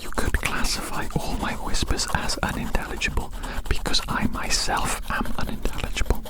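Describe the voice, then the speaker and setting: Fully whispered ASMR ramble. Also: normal speed. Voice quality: fully whispered, breathy and unvoiced. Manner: rambling, playful, repeating phrases. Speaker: ASMR creator.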